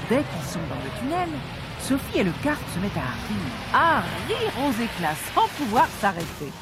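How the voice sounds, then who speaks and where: A woman reading a children's story aloud, lively and voicing the characters with big jumps in pitch. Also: normal speed. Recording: story read over loud background music.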